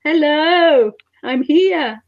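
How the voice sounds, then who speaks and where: A woman's voice: high-pitched, animated, very slow, highs cut off. Woman on glitching video-call audio. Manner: repeats herself, calling out to check she is heard. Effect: glitching, dropping video-call audio. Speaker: interview guest on a video call. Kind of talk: conversational video-call interview. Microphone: computer or phone mic on a video call.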